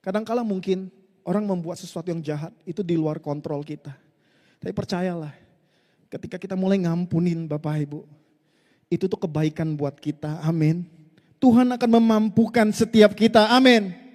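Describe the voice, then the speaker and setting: A man's voice: high voice, normal speed, darkish tone. A man preaching a sermon, telling a story and often speaking straight to the congregation, getting them to answer back. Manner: leads the congregation in call-and-response. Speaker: pastor. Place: church hall. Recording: long hall reverb.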